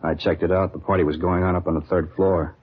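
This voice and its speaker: Deep, husky, and flat, the man's voice moves at a quick clip. He's acting out a guarded, no-nonsense beat patrolman in a 1950s radio play, speaking conversational dialogue full of casual cop slang, heard through a dull, lo-fi vintage radio recording.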